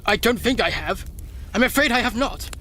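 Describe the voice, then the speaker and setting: A man plays an old miser, humbled and anguished. The voice is strikingly high and sharp, pleading theatrically as in radio drama, with a little noise behind it. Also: animated, normal speed, exaggerated voice. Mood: humbled, anxious. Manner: fretful, pleading.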